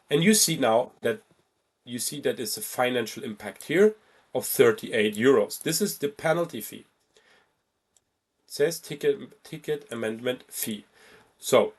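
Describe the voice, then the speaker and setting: This is a man instructing on travel booking software in a relaxed, step-by-step way. He halts now and then and repeats key points for emphasis, and his voice sits on the high side.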